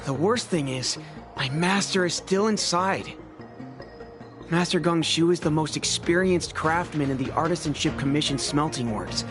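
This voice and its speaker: A man's voice: fairly high pitch, normal speed, lightly acted. A man voicing a worried young apprentice. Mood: anxious. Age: young adult. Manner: worried, earnest, defensive. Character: anxious young male apprentice craftsman. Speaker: apprentice craftsman. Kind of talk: video game voice acting. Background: faint game music.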